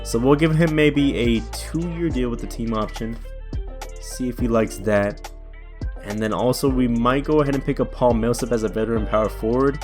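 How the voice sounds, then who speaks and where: A man's voice: mid-range voice, fairly even intonation, moderate pace, a little mellow. A young man casually commentating a basketball video game, chatty and thinking aloud, with faint music behind him. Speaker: gaming YouTuber.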